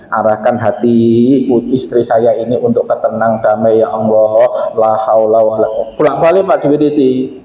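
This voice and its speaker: A man with an East Javanese accent giving a lively, joking sermon to a mosque congregation. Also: medium pitch. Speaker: Islamic preacher. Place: large mosque hall. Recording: echoey, dull mosque sound.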